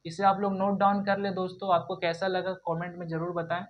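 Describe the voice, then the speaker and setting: A woman's voice: on the low side, little pitch movement, fairly quick, muffled recording. Woman teacher drilling word pronunciations. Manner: repeats questions and answers, addresses viewers as friends. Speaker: English teacher. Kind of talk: online lesson, drilling pronunciation.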